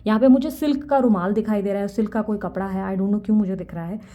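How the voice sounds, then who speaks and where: Fast-talking woman tarot reader, mellow. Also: mid-range voice. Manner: rapid, earnest, mixes English words into Hindi. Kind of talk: Hindi-English tarot reading to camera.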